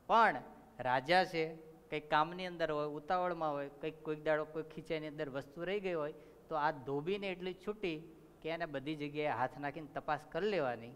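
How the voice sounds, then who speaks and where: A man's voice: fairly high pitch, smooth. A man with a Gujarati accent telling a story in a sermon as a katha preacher, acting out the characters and asking his listeners questions. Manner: animated storyteller, acts out characters, asks the audience questions. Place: temple assembly hall. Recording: long reverb of a temple hall.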